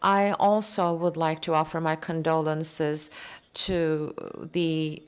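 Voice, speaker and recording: A woman giving a simultaneous interpretation of conference speeches into English, measured and halting as she keeps up with the speaker. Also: low voice, little pitch movement, smooth.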